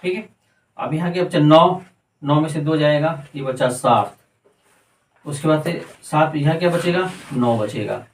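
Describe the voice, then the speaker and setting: A male math teacher works through a problem step by step, counting digits aloud and asking himself questions that he answers at once. His voice sits a little high. The sound is roomy and echoing, with the mic some distance away. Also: unhurried, a little hiss or hum. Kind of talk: step-by-step classroom math lesson.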